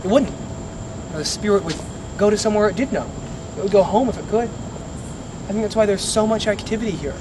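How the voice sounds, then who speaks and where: A man guiding a ghost tour, telling grim history in a dramatic, deliberate storytelling way with emphatic pauses, recorded outdoors. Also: high-pitched. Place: outdoors on a city street by an old building. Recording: outdoor recording with clear city traffic noise.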